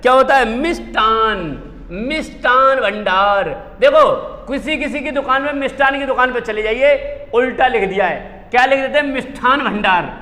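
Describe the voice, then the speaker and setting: Drilling Hindi spelling word by word, a man quizzes his class over and over in a classroom lesson. He talks fairly quickly in a very high voice with a sharp tone, and a long hall reverb surrounds it.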